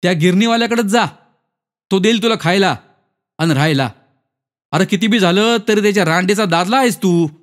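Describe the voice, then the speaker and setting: A man's voice: high-pitched, a little fast, long pauses, voice pushed up, lightly acted. Man doing a coarse mocking village servant. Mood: sneering. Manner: taunting, rustic dialect.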